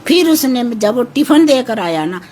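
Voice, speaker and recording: A woman's voice: on the high side, very animated, normal speed, a little mellow, slight background noise. An older woman with a naturally harsh-sounding voice, speaking anxiously about her missing son. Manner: anxious, pleading, repeats herself. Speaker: mother of a missing man. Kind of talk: emotional interview.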